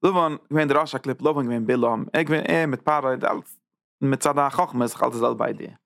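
Gravelly-voiced man giving a Torah lecture. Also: medium pitch, fairly bright tone, dry recording, clean studio sound. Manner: tags points with quick "ja?" checks; repeats and restarts phrases while building an idea. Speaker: rabbi teaching Zohar.

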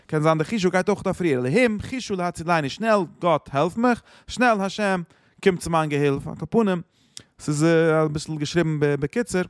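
Rapid-fire man teaching. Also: on the high side, dry recording, studio quality. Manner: fast, halting explanation with many restarts, quoting and translating verses. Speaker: Torah teacher. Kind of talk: explaining a psalm chapter.

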